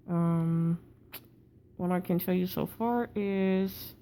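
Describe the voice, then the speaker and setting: A woman recording a casual video diary after jaw surgery, talking with effort through a wired-shut jaw, muffled and halting, sounding tired and sore. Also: lowish voice, mellow, slight background noise. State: tired, sore with swollen cheek. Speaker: patient recovering from jaw surgery.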